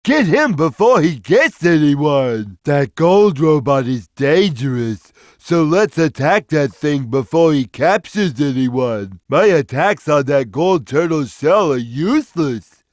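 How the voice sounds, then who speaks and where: Game role: big gentle simple cat, earnest, swinging widely in pitch, dry close recording. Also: male voice, big pitch swings, no room sound. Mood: easygoing, earnest. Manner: slow, simple, earnest delivery. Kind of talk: video game character lines.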